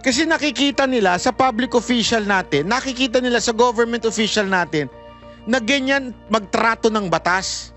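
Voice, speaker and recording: A man's voice: extremely high pitch, moderate pace, a bit bright, faint music behind. A man vlogging, telling a story in casual commentary and mixing Tagalog with English, laughing often as he retells it.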